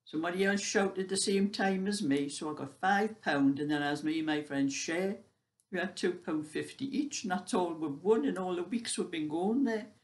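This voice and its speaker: A woman's voice: lowish voice, moderate pace. An elderly British woman of seventy-five chatting casually, telling everyday stories in a rambling, conversational way. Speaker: vlogger sharing everyday life. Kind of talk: casual chat.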